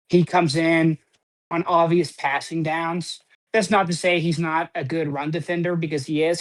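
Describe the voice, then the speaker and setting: A man co-hosting a podcast, talking sports in a rambling, casual way, full of "um" and "like" and casual swearing. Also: fairly high pitch. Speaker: podcast co-host.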